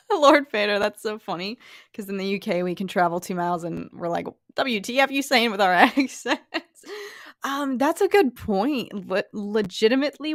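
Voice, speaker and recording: In a lowish voice, a young woman from Philadelphia, USA, giggles through live-stream comments, chatty and casual with a light Philly accent, plenty of "like" and many restarts. The recording is dry and of studio quality.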